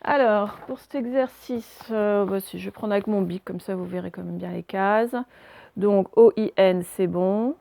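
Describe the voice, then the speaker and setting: A woman's voice: mid-range voice, unhurried, gravelly, warm tone. A woman teaching a phonics lesson to young children, patiently spelling out letters one by one.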